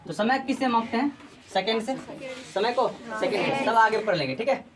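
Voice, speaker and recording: A woman's voice: fairly high pitch, animated, normal speed, a crowd in the background. A woman teaching a physics class, drilling students with repeated call-and-response questions. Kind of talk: classroom lecture.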